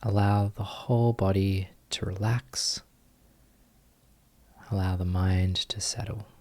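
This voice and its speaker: A man with a deep voice and fairly even intonation leads a guided meditation as teacher. He talks gently and softly, using brief phrases and long pauses.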